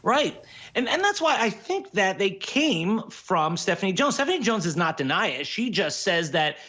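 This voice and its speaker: A man giving legal analysis in a television news interview, explaining the case in quick, measured commentary. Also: high voice, sing-song, bright, forceful tone, muffled recording.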